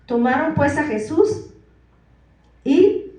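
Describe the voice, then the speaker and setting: A woman's voice: high voice, animated, slow, mellow. A woman preacher in a church, reading scripture aloud verse by verse, calling out the verse numbers and asking the listeners questions. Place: church hall. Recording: echoey church hall from far off.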